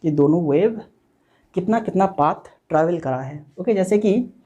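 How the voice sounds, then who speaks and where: Mellow-voiced teacher, patient step-by-step. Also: medium pitch, lively intonation, measured pace, muffled recording. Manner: explains step by step, with frequent "okay" check-ins; repeats points and mixes in English technical terms. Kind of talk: recorded online physics lecture.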